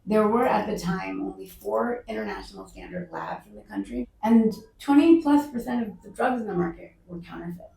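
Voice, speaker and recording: A woman founder answers interview questions with candid emphasis. Her voice is gravelly and dark. She sits away from the mic, and the room gives a lot of echo. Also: mid-range voice, big pitch swings, a little fast, hardly any pauses. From United States. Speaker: healthcare company founder. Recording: echoey room, mic at a distance.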